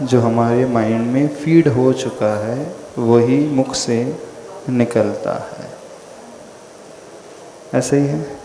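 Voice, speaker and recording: A man gives a measured devotional discourse, speaking slowly and often turning to his listeners with questions. His voice is mellow and unhurried. It rings out in a large hall with a long echo. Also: medium pitch, slight background noise. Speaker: Jain monk teaching. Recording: echoey hall.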